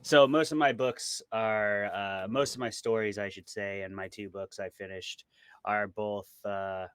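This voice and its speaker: Guesting on an interview, a horror writer from small-town Montana speaks in a low-ish, fairly even voice at a measured pace. His American-accented tone is fairly bright and clean on a dry recording, and he chats conversationally with a self-deprecating streak.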